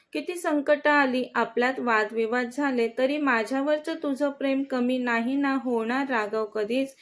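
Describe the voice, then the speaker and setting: A devoted young woman in love, anxious and pleading, as a woman narrator voices her. Her voice is fairly high and earnest. It comes across as simple storybook dialogue. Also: lightly acted.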